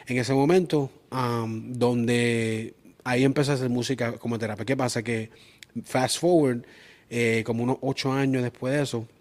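A man's voice: mid-range voice, a little mellow. A man from Springfield, Massachusetts, an interview guest who speaks earnestly and mixes in English words. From Springfield, Massachusetts, USA. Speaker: guest, music producer. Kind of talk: casual interview.

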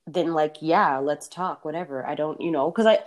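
Speaking at a moderate pace in a low voice, a young woman co-hosts a podcast and talks candidly in casual chat. She swears freely and laughs a lot.

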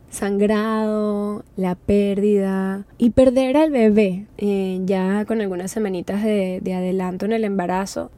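A woman's voice: medium pitch, dark tone, no echo. A woman in her thirties hosting a personal podcast, talking in an intimate, earnest way and often asking "¿sabes?". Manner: intimate, earnest, speaks of feelings with many "¿sabes?". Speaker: podcast host. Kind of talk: personal reflective podcast monologue.

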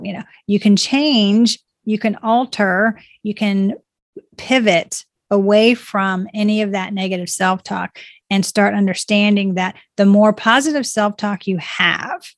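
A woman with a gravelly mid-range voice appears as a guest in a reflective conversation, earnestly and encouragingly offering positive affirmations about personal growth. The recording is clean studio sound with no room echo.

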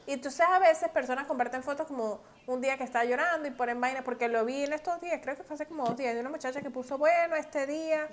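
Woman on a podcast, high voice, expressive, goes soft then loud. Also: fast, few pauses. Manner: expressive, swings from soft-spoken to loud and dramatic. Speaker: podcast co-host. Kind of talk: casual chat.

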